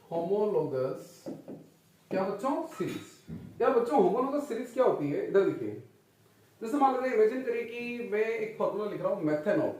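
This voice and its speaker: A man's voice: sits high, big pitch swings, moderate pace, a little mellow, distant mic. A man teaching a chemistry lecture, quizzing his students with repeated questions and calling them children. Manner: calls students "children" and "son". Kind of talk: classroom lecture. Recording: very echoey room, voice off-mic.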